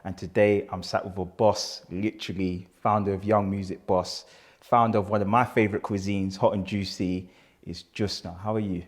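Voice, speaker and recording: A man's voice: low voice, level tone, moderate pace. A young man hosting a podcast interview, laid-back and slangy, laughing easily as he asks questions. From Ghanaian heritage. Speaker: podcast host.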